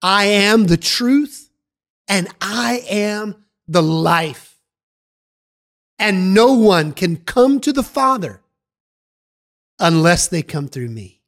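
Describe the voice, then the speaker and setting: An earnest, gently reassuring Jesus, put on by a narrator in a dramatized Bible storybook reading. The lines come slow and deliberate, with the voice lifting a little when he comforts his followers. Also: mid-range voice. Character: calm earnest male Jesus teaching followers.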